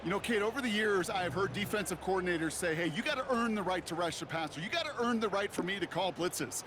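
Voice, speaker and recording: A man's voice: sits high, expressive, fast. A man voicing a seasoned football analyst in a video game, explanatory and emphatic, with an American accent. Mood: analytical. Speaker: color commentator. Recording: noisy game audio.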